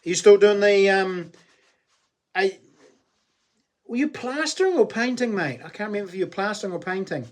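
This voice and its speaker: A man in his late forties speaks in a fairly high-set voice with a broad Kiwi accent. He hosts a casual livestream, talking to viewers in a relaxed, slangy, blokey manner. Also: normal speed, pauses often. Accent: broad New Zealand. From New Zealand. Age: late 40s. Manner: laid-back, blokey, slangy. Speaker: live stream host. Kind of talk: casual livestream chat, reading and answering comments.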